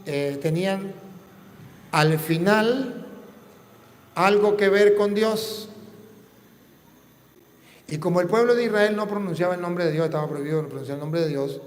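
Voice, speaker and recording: A man preaching in a question-and-answer talk, teaching slowly and answering his own questions. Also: sits high. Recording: long reverb in a hall.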